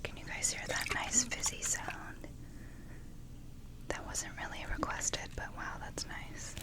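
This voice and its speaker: A woman whispering in a casual, chatty way as an ASMR host, close to the microphone. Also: unhurried. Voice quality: whispering, unvoiced.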